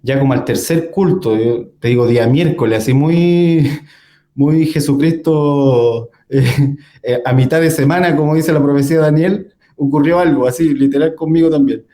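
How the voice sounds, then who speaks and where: A man's voice: on the high side, normal speed, warm tone. A young man, telling a personal story in casual conversation, with many fillers and small laughs. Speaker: guest.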